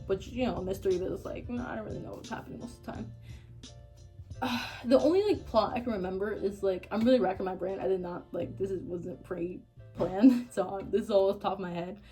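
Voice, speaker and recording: A woman's voice: medium pitch, fairly even intonation, brisk, mellow, soft background music. A young woman chatting casually through a book review, rambling with lots of fillers and restarts. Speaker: book vlogger.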